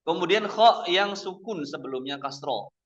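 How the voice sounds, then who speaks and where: A man teaching Quran pronunciation at a mosque study session. He drills each sound slowly and repeats it several times, contrasting the correct reading with wrong ones. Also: fairly high pitch, animated, a bit bright. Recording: dull lo-fi lecture recording.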